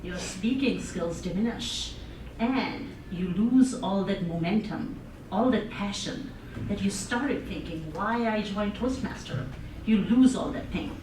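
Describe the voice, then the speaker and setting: Speaking unhurriedly in a medium pitch, a woman with an Indian accent delivers an interactive speech to an audience in a conference room, often laughing and asking them questions. She is a public speaker. The recording is noisy and echoey, with her voice distant.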